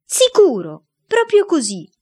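A woman voicing an outraged older sister who yells in a read-aloud story. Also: very high-pitched, wildly swooping pitch, unhurried, pitched above the performer's own voice, full character voice. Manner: yelling, outraged.

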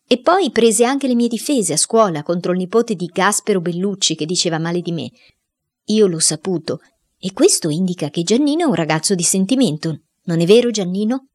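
A woman's voice: mid-range voice, animated, brisk, a little mellow, lightly acted. A woman doing an eloquent lawyer pleading. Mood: persuading. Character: persuasive good-hearted male lawyer.

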